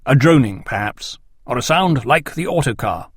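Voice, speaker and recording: A man voicing an earnest, excitable male farmer who speaks with awe. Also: mid-range voice, normal speed, breathy edge, no echo, clean studio sound. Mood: awed. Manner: eager, awed, excitable.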